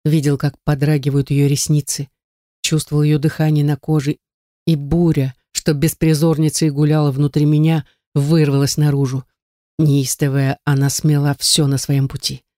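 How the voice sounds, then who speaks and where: A man's voice: fairly high pitch, level tone, moderate pace, dark tone, no room sound, clean studio sound. Brooding male audiobook narrator. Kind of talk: first-person novel narration.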